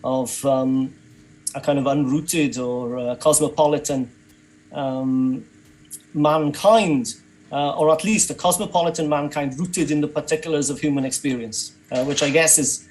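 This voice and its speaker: A man's voice: a little high, steady tone, measured pace, darkish tone, rough recording. A man giving an academic talk over a video call, thoughtful and hesitant, with many fillers and restarts. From Wales. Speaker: conference panelist.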